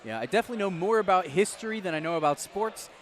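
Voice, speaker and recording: A man's voice: high-pitched, expressive. Joking man calling axe-throwing matches. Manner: joking, quick banter between calls. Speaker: play-by-play commentator. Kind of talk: live axe-throwing commentary. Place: on a platform at the event venue.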